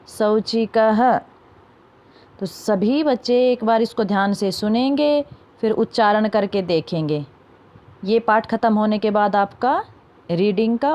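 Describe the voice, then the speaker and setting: A young woman teaching a class of children, sounding out each word slowly and answering her own questions. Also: mid-range voice, mellow. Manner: slow, careful word-by-word pronunciation drills; asks questions and answers them herself. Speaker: Sanskrit teacher.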